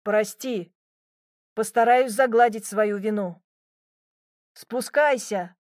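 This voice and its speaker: A woman voicing a calm, easygoing young man who coaxes and soothes in an audiobook. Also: fairly high pitch, takes it slowly, no echo, studio quality. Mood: coaxing. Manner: placid, coaxing. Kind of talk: audiobook reading.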